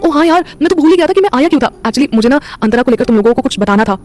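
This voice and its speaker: A woman's voice: high voice, lively intonation, racing, darkish tone, faint music behind, voice pushed up. A woman doing a teasing young boyfriend. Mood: playful. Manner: playful, joking.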